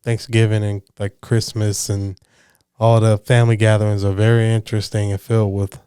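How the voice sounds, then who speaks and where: A man hosting a podcast, asking questions in a relaxed way, laughing easily and using casual slang. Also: on the low side, moderate pace, clear, resonant tone, no room sound, studio quality. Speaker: podcast host. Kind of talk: casual interview conversation.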